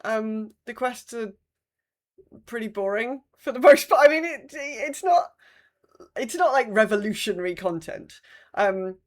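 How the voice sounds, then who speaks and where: Co-hosting a laid-back gaming podcast, a woman complains about a video game in an exasperated, blunt, sweary way. Her voice is fairly high and animated, and she keeps a measured pace.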